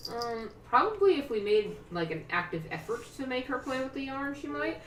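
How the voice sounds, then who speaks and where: A woman co-hosting a stream in casual chat, relaxed and laughing often. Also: sits high, normal speed. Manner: laid-back, laughs often. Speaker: co-host reading chat. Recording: roomy, from a distance, faint noise.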